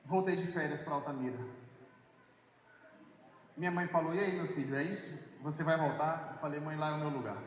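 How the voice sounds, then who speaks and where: A young Brazilian man giving a sermon testimony, storytelling and swinging from hushed to excited. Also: fairly high pitch, a little fast, long pauses, a little hiss or hum. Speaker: worship minister and preacher. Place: large hall at a youth congress. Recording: echoey hall from far off.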